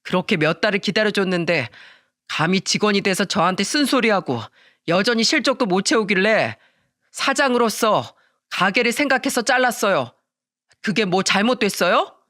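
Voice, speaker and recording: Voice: mid-range voice, lively intonation, normal speed, pushed and bright, no echo, clean studio sound. A narrator voicing a self-justifying young husband who argues with his wife and father. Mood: defiant. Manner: pleading then defiant.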